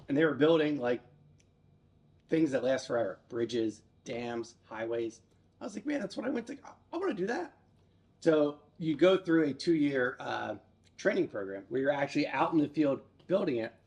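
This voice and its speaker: A man's voice: mid-range voice, moderate pace. A middle-aged man telling his life story as an interview guest, joking and self-deprecating in a casual chat. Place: in a theater building.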